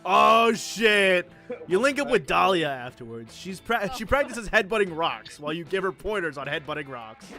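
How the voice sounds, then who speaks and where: A man's voice: on the high side, big pitch swings, brisk, few pauses, sharp tone, soft background music. A man hosting a game stream, reading the story aloud playfully and laughing often. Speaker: stream host, narrator of the game.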